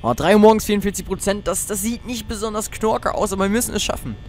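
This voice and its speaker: A man's voice: sits high, fast talker, faint music behind. A teenage boy playing a horror game, jumpy and swearing often as he talks to his viewers. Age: teens. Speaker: let's player.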